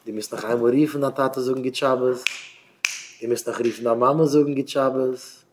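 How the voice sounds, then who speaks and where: A man giving an impassioned moral talk, repeating his points and swinging from loud cries to low murmurs, sometimes in a lamenting singsong. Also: steady tone, a little fast, background noise. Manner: repetitive, exhorting, swinging between loud outbursts and low murmurs.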